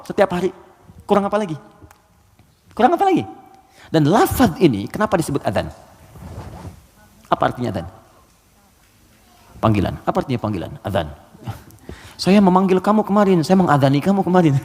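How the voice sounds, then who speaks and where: Male preacher, brisk, swooping delivery, long hall reverb. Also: mid-range voice, creaky, slightly rough. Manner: animated, acts out quoted voices, asks the audience questions. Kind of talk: lively Islamic sermon.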